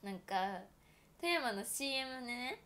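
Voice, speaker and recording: A young woman in her twenties hosts a casual solo livestream, her voice pitched a little high. She rambles with plenty of fillers and giggles, chatting to her viewers. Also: animated, measured pace, a bit bright. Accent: Toyama Japanese. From Japan (Toyama). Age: 20s. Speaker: livestream host.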